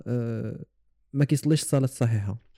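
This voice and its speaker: A man's voice: medium pitch, fast talker, mellow. A man with a Moroccan Arabic accent hosting a casual, reflective conversation, repeating words as he searches for phrasing. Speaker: podcast host.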